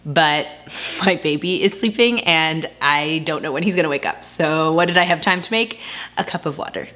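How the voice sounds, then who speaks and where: A woman in her thirties talks casually to her viewers in an upbeat, chatty way, slightly out of breath. Her voice sits low but sounds bright and forward, and she keeps the tone easy and friendly. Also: normal speed. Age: 30s. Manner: chatty, upbeat, frequent laughs. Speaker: vlogger. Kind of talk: casual chat to camera.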